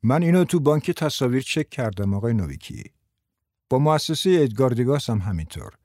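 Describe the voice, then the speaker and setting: A man voicing a patient male investigator in an audiobook, explaining things in a calm, measured way. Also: mid-range voice, no room sound. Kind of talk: audiobook character voice.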